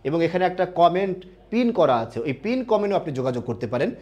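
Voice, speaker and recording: A man's voice: sits high, big pitch swings, fast, darkish tone. A young man from Bangladesh, teaching a live online admission class, explaining step by step and often checking whether students follow.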